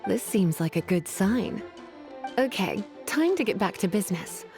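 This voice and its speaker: A woman's voice: medium pitch, very animated, music in the background. Sultry, lilting witch Lisa. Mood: flirtatious. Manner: sultry, teasing, unhurried sighing. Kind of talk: video game character acting.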